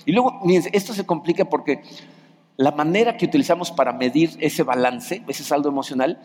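A man's voice: a little high, fairly quick, a little mellow. A man preaching a sermon in a church hall, in a conversational style with frequent rhetorical questions. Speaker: pastor.

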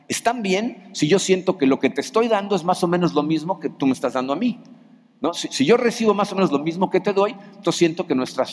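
A man delivers a sermon from a church hall, his fairly high voice ringing with long reverb. He preaches conversationally and keeps checking in with his listeners through rhetorical questions. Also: a little mellow. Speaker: pastor.

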